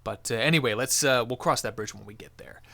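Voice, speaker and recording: A man's voice: medium pitch, fast, gravelly, bright, forceful tone. A man hosting a crafting tutorial, narrating the build in an encouraging, jokey way.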